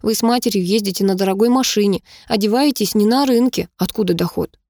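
A woman voicing a sharp, resentful teenage girl who talks with open scorn, in a dry, close recording. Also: medium pitch, brisk, dry recording, natural voice. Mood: scornful. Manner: scornful, mocking.

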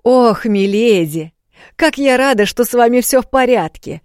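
A woman's voice: on the high side, expressive, normal speed, a little mellow, dry recording, studio quality, voice pushed up, close to an everyday voice. A woman doing a gushing young maid. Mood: relieved. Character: eager young female maid.

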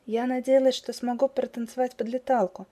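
A woman's voice: a little high, level tone, a little fast, dark tone, natural voice. A woman voicing a polite, cheerful young woman runner.

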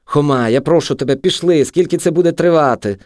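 A man's voice: fairly high pitch, very animated, brisk, darkish tone, no room sound, clean studio sound, pitched above the performer's own voice. A man doing an anxious pleading young woman.

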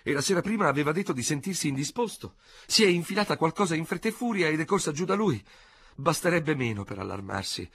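Brief: man doing a flustered, talkative older lady for a storybook reading, high and swooping. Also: sing-song, fast talker, a bit bright, slightly rough, dry recording, clean studio sound, exaggerated voice. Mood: chattering. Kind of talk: audiobook character voice.

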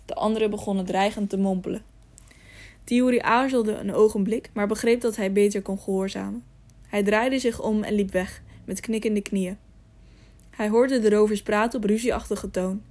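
A woman reading an audiobook aloud, telling the story in a calm, measured way. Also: medium pitch. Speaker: audiobook narrator. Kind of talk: scripted storybook narration.

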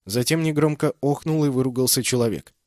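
A man's voice: medium pitch, brisk, a little mellow, no room sound. Man narrating fiction, very dry recording. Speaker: audiobook narrator. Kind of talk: scripted first-person fiction narration.

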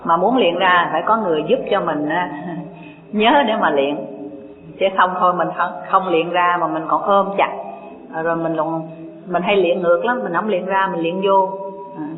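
Teacher, echoey hall. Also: mid-range voice. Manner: unhurried, asks rhetorical questions, reads scripture aloud. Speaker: Buddhist dharma teacher. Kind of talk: dharma talk sermon. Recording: echoey hall, tinny lo-fi line, faint music.

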